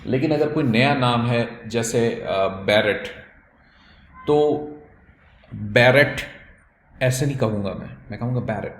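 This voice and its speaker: A man's voice: medium pitch, echoey room, slight background noise. A man with a Pakistani accent, an ecommerce trainer giving an instructional talk, mixing English phrases into his explanations and acting out example pronunciations.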